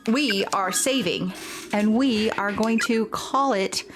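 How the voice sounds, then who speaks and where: Taking things slowly, a woman with a mid-range voice hosts a casual let's play video, commenting in a candid, slangy, informal way. She also reads game dialogue aloud, and background noise is noticeable in the recording.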